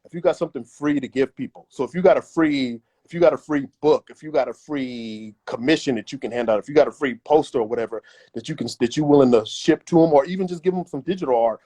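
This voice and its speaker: A man's voice: mid-range voice, fast talker, dark tone. A man as an interview guest giving emphatic, repetitive advice in a casual chat. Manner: emphatic and repetitive, acts out imagined voices.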